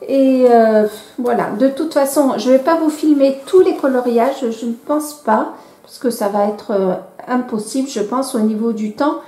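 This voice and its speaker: A woman's voice: on the high side, moderate pace, dark tone. A woman chatting casually on a home vlog, hesitant and full of fillers, often correcting herself while showing her coloring books to a camera. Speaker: coloring vlogger. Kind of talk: casual show-and-tell vlog. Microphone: camera microphone she moves around. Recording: echoey room with faint background music.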